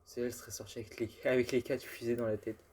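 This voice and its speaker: A man's voice: mid-range voice, little pitch movement, fast talker, darkish tone, a little hiss or hum. A young man casually commenting on a game he is playing, joking and chatty with many fillers and restarts. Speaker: gaming youtuber. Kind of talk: casual let's-play commentary.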